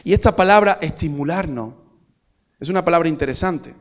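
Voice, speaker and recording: Spanish preacher with a slightly high voice. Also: male voice, a little fast. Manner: rising to loud emphatic peaks, then dropping to quiet asides; asks the congregation rhetorical questions. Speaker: pastor. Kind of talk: sermon.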